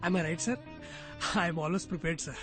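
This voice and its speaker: A man's voice: fairly high pitch, very slow. A man dubbing a film role as an eager, talkative young job seeker who gives long, rehearsed answers. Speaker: job candidate in a film scene. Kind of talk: dubbed film dialogue. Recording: dub with background music.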